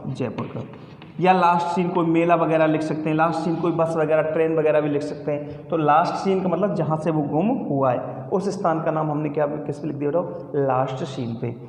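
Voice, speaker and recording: A man's voice: on the high side, fairly even intonation, brisk, a little mellow. A man teaching an English lesson, calling students "beta" and repeating the answers to his own questions. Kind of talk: classroom lesson. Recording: echoey room with long reverb.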